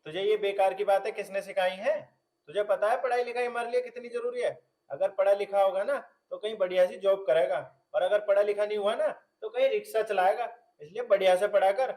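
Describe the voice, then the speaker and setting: An actor playing a stubborn, cheeky young village husband with a Haryanvi accent, loud and quarrelsome with quick comic retorts. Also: male voice, sits high, close to an everyday voice. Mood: lecturing. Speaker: comic lead in a village film.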